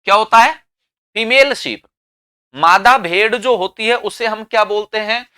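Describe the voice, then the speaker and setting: Male teacher, Indian English accent, patient step-by-step classroom explainer; bright, clean tone, dry close mic. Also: high voice, clear, resonant tone, dry recording. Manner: explains slowly, asks and answers his own questions. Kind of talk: classroom grammar lesson.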